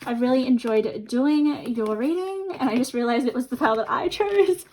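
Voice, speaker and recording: A woman's voice: high voice, moderate pace, darkish tone, slight background noise, poor audio. A woman giving a chatty intuitive tarot reading to viewers while her mouth is half numb from the dentist. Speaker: tarot card reader and host.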